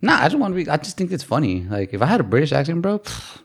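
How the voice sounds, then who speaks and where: A young man from Texas co-hosts a podcast, joking around and saying "bro" constantly. His low-middle voice swings up and down with a lot of life. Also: very animated, rapid-fire, breathy edge. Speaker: podcast co-host. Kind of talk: casual chat.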